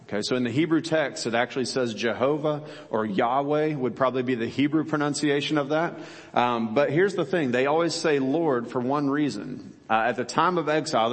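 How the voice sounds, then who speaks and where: A man preaches from the pulpit in an easy, conversational tone of mid pitch. He keeps asking his listeners rhetorical questions. A long reverb from the large church space hangs on every phrase. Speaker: pastor. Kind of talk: sermon.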